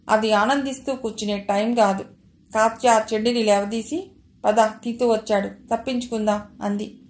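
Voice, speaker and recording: A woman's voice: on the high side, roomy sound. A woman reading a novel aloud as the narrator, with small shifts for the characters' lines. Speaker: audiobook narrator.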